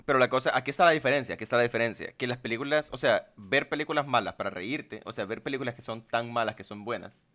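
A man's voice: mid-range voice, quick pace, few pauses, fairly bright tone. A man, co-hosting a podcast in crude, joking banter and acting out little scenes. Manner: crude, joking, acts out voices. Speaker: podcast co-host.

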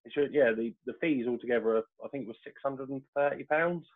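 A man's voice: mid-range voice, fast talker. English man with a Portsmouth accent on a tinny call line. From Portsmouth, England. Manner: relaxed, storytelling, laughs easily. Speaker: podcast guest. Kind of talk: casual chat. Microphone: video call. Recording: tinny phone-like call audio.

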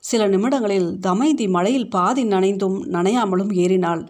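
A woman's voice: medium pitch, unhurried. Woman reading a short story. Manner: steady, reflective reading. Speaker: story reader. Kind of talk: scripted narration.

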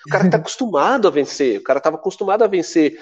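A Brazilian man in his forties tells a story as a guest, with a voice pitched a little high for a man. He talks casually and leaps higher when he quotes others. The recording sounds slightly muffled and lo-fi. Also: very fast, husky. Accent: Brazilian Portuguese. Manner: lively, acts out quoted voices with big pitch jumps. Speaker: podcast guest, former athlete.

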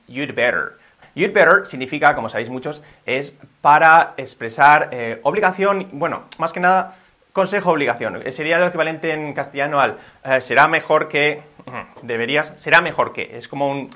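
A man's voice: on the high side, sharp tone. A man with a Spain Spanish accent, giving an upbeat, patient video lesson as a language teacher.

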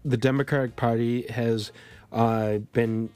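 Podcast guy from colombia, rambly, says like a lot, normal pitch. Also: level tone, measured pace, darkish tone, clean tone, soft background music. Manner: rambling, many restarts and "like" fillers. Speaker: podcast co-host. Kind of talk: casual political chat.

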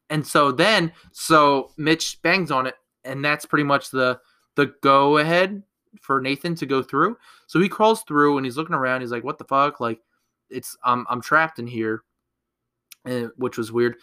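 A man's voice: mid-range voice, moderate pace, sharp tone, smooth. A young man casually recapping a horror movie on a podcast, rambling, swearing and correcting himself as he goes. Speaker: podcast co-host.

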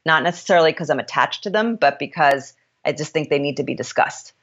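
This interview guest is a woman with a deep, husky voice who reflects openly and sometimes stumbles while finding her words. She speaks expressively, and the recording lacks its upper frequencies.

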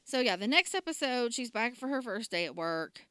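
A woman's voice: on the high side, sing-song, normal speed, pushed and bright, clear, resonant tone, dry recording. A woman, casually recapping a TV drama episode and laughing often. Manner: chatty, laughs often, acts out quotes. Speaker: podcast co-host recapping a TV drama. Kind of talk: casual chat.

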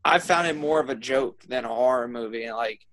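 A man's voice: mid-range voice, fairly quick, a bit bright, no echo, low-quality recording. A man co-hosting a podcast in casual chat, rambling, laughing often and swearing freely. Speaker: podcast co-host.

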